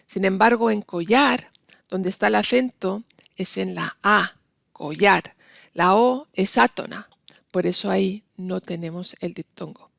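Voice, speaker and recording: A woman giving a university lecture, her voice slightly gravelly. She explains step by step and slows down on each example word. The sound is dry and close, with no room echo. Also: medium pitch, a bit bright. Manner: explanatory, slow careful stress on example words. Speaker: Spanish linguistics instructor.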